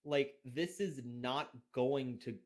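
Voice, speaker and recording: A man's voice: medium pitch, takes it slowly, a little mellow. A man co-casting an esports match as analyst, giving blunt, candid color commentary with laughs.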